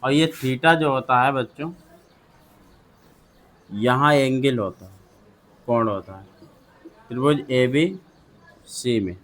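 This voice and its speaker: A man's voice: medium pitch, slow, long pauses, a bit bright. A male maths teacher with a Hindi accent, lecturing a class, drilling students with repeated questions and calling on pupils by name. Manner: calls on pupils by name to read aloud.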